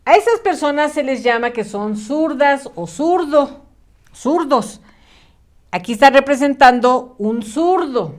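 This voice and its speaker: A woman teaching a children's spelling class in a high, bouncing voice. She speaks slowly and drags out each syllable. Her tone stays patient and encouraging. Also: expressive. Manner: slow, encouraging, drawn-out syllables.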